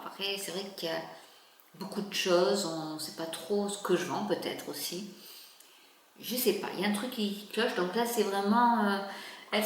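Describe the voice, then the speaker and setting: Hesitant woman vlogging in an echoey room. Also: fairly low pitch. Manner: hesitant, rambling, many fillers and restarts. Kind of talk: casual vlog chat. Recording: very echoey room, faint background noise.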